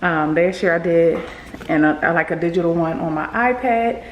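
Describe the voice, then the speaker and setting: A woman's voice: lowish voice, normal speed, slight background noise, low-quality recording. A woman vlogging in casual, rambling chat to viewers, her speech slightly lisped from the retainers she is wearing.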